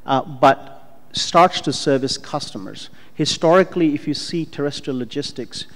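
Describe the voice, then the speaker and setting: A man's voice: fairly high pitch, normal speed, fairly bright tone. A middle-aged man, a startup co-founder, giving fluent, businesslike panel remarks with filler ums into a handheld microphone on a conference stage. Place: large conference hall stage, indoors. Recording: long reverb of a conference hall.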